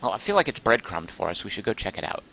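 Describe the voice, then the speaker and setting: A man streaming a game live, chatting excitedly, thinking aloud and reading chat messages aloud, close to his microphone. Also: lowish voice, quick pace, a little hiss or hum. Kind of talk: live gameplay commentary.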